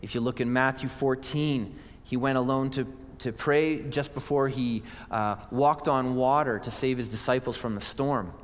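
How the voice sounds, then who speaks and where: Male pastor, sermon, earnest conversational delivery, mid-pitched voice, reverberant church hall. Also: steady tone, normal speed. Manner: earnest, conversational preaching with restarts. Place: church sanctuary.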